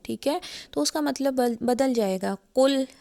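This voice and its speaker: A woman with a Pakistani Urdu accent teaches Quran recitation in an explanatory religious lesson, patiently repeating and spelling out each letter one at a time. Her voice is fairly high, creaky, and warm, and she speaks at a normal speed.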